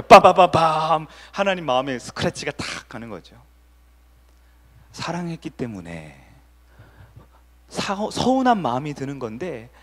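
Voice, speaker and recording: A male pastor preaching a sermon in a conversational style and asking the congregation questions. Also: fairly high pitch. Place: church sanctuary. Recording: reverberant church hall.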